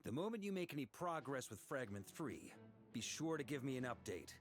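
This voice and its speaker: An actor playing a jovial middle-aged knight commander, genial and easygoing in a game. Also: male voice, mid-range voice, sing-song, a little fast, soft background music, natural voice. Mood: commanding. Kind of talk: video game voice acting.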